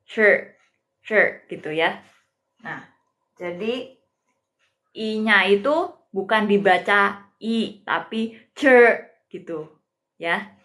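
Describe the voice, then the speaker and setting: A woman's voice: mid-range voice, animated, slow, long pauses, fairly bright tone. A woman teaching a live-streamed Mandarin lesson, patient and greeting viewers by name.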